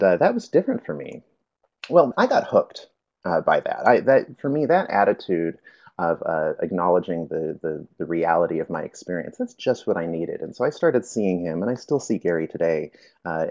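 A man's voice: low voice, animated, normal speed, darkish tone, dull audio. A man presenting a workshop, telling his personal story in a reflective, hesitant way with frequent fillers.

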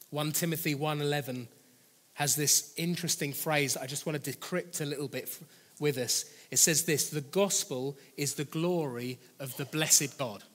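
A man's voice: fairly high pitch, fairly bright tone, in a large hall. A man preaching a sermon in an earnest, conversational way, rephrasing and repeating his key phrases.

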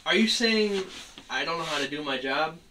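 Guy doing a tough cop interrogation, pushy and doubting, highish forceful voice, some room noise. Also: expressive. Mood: skeptical. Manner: tough cop, pressing, skeptical, halting. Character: tough male cop interrogating a suspect, pressing and skeptical. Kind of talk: amateur acted interrogation scene. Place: small room, camera across the room. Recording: distant mic, noisy room.

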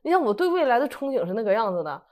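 Brief: woman, 30s, quick chatty storyteller, slightly high voice. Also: big pitch swings, a little mellow. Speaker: guest sharing a testimony. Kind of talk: casual testimony storytelling.

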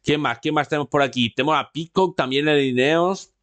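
A man's voice: a little high, fairly quick, a bit bright. A man hosting a casual podcast, rambling and repeating himself, tagging his sentences with a questioning "eh". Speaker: podcast host. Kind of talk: casual cycling chat with live chat.

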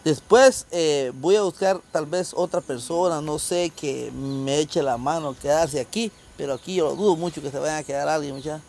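A man's voice: fairly high pitch, normal speed, vocal fry, hardly any pauses, darkish tone, a little hiss or hum. A man with a Guatemalan accent casually explaining things as the host of a charity vlog. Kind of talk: casual explaining to camera and group. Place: outdoors in a rural wooded yard. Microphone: handheld phone.

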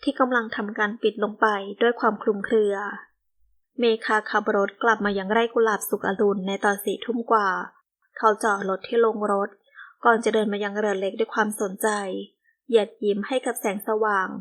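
Female narrator, steady storytelling read, audio novel. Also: medium pitch, brisk. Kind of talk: scripted narration.

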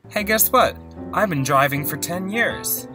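A man's voice: high-pitched, expressive, measured pace, music in the background. A man in his twenties rambling in a goofy, mock-dramatic comic monologue from his parked car, recorded on a laptop. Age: 20s. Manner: goofy, mock-dramatic, jumps between silly voices. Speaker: vlogger. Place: parked car in a parking lot. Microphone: laptop mic.

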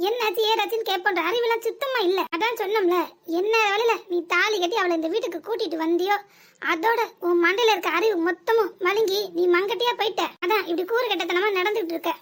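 A bossy old village mother-in-law from a cartoon comedy, speaks with a southern Tamil accent. She scolds in rapid-fire sarcastic insults. Her voice is pitched extremely high and shrill. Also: a bit bright. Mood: scolding. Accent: southern Tamil, Tirunelveli area.

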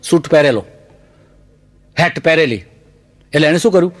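Sex: man. Role: comedian. Style: stand-up joke telling. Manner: animated, laughs along with his own lines. Pitch: high for a man. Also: normal speed. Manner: animated, laughs through his punchlines, mixes in English phrases.

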